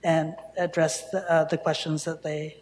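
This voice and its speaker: A woman's voice: low voice, flat delivery, normal speed, darkish tone. A woman city councillor asking a question in a meeting, hesitant with many fillers and restarts. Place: council chamber. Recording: long reverb, faint room noise, council chamber.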